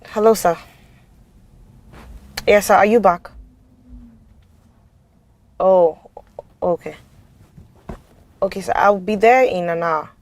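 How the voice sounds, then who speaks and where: An actress playing a driven, stern manager who speaks in a sharp, scolding way. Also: female voice, mid-range voice, takes it slowly, long pauses. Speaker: company manager.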